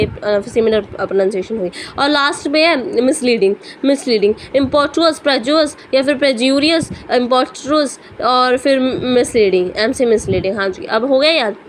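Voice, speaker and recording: A woman's voice: high-pitched, normal speed, hardly any pauses, slight background noise. A woman teacher giving a vocabulary lesson, repeating words over and over and mixing Hindi with English.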